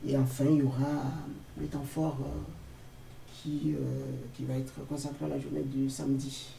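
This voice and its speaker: A man organizing a literary festival, speaking in a slow, halting way. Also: mid-range voice, little pitch movement, creaky, dark tone, a little hiss or hum. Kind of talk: interview answers. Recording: roomy, distant from mic.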